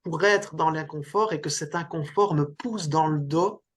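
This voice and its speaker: Man from Belgium, middle-aged, coach in an interview, halting restarts, slightly high pitch. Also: fairly bright tone. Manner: hesitant, many restarts and fillers. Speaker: coach and speaker, interview guest. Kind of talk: casual interview talk.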